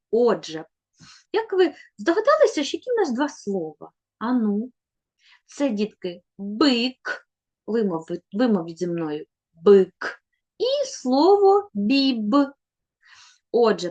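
A woman leads a children's reading lesson, with a slightly high voice that swoops up and down in a lively, sing-song way. She speaks slowly and encouragingly, over-articulating each letter sound for small listeners. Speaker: teacher.

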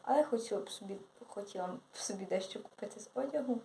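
A woman's voice: mid-range voice, quick pace, vocal fry, warm tone, slight background noise. A teenage girl from Ukraine chatting casually in a vlog, rambling along and correcting herself. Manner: rambling, with self-corrections and hesitations. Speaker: vlogger. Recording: echoey room.

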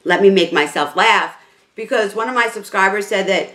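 A woman's voice: mid-range voice, moderate pace, fairly bright tone. A middle-aged woman chatting casually to camera as a beauty vlogger, emphatic and repetitive, talking a little funny with lip smacks from fresh lip filler. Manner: chatty, emphatic, repeats herself. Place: small indoor makeup room, roomy sound. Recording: roomy indoor echo.

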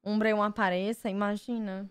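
Chatting casually while she opens cards, a young Brazilian Portuguese-accented streamer keeps breaking into excited exclamations about the artwork. Her mid-range voice is clean, at a moderate pace, with no room sound.

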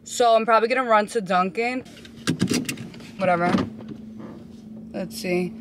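A woman's voice: medium pitch, unhurried, noisy background. A woman in her twenties chatting casually to her phone camera in a slangy, blunt vlog style with some swearing. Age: 20s. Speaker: vlogger.

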